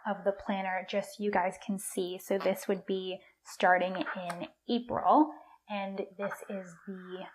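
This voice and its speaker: A woman giving a casual product review walkthrough, upbeat and chatty, with a mid-pitched voice. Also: flat delivery, unhurried, a little hiss or hum. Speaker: planner reviewer.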